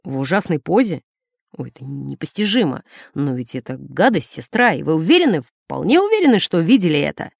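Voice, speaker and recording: A woman's voice: low-pitched, very animated, brisk, vocal fry, dry recording, clean studio sound, heavily acted. Woman doing a flustered, alarmed priest. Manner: stammering, frightened, then blustering. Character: flustered village priest, man, easily alarmed. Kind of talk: audiobook character voice.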